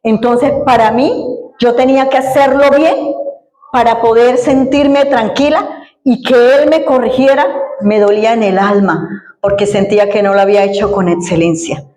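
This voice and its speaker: A woman's voice: on the high side, normal speed, dark tone, roomy sound, rough recording. A woman pastor giving a sermon and telling an earnest personal story, acting out the people she quotes. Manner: earnest storytelling, quoting others in dialogue.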